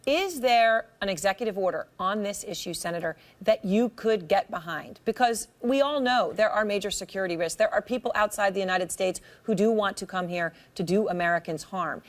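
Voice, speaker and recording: A woman news anchor posing brisk questions to a guest. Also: mid-range voice. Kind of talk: TV news interview.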